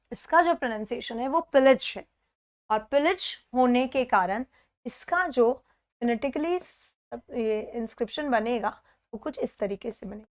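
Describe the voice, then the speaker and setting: High-voiced woman teaching pronunciation. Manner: explains step by step, often checks in with "theek hai"; repeats words slowly to model pronunciation. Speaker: English exam teacher. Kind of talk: live online exam-prep lesson.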